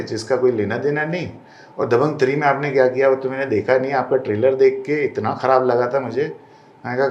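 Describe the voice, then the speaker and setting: Interview guest: man, blunt and combative, mid-pitched, drops into English phrases, roomy echo. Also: darkish tone. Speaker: interview guest, film director. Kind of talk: candid interview.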